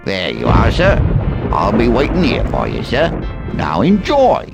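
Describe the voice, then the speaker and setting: A man's voice: fairly low pitch, huge pitch swings, measured pace, gravelly, loud music behind the voice, heavily acted. An actor playing a polite, deferential male chauffeur-butler who speaks formally and keeps saying "sir". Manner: formal and servile, ends lines with "sir". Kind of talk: video game voice acting.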